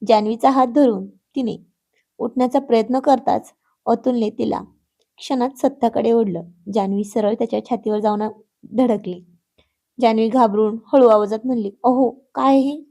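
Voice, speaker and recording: A woman storyteller gives scripted narration of a family story. Her voice is warm and mellow, with a slightly high pitch. She reads gently and expressively. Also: steady tone, moderate pace.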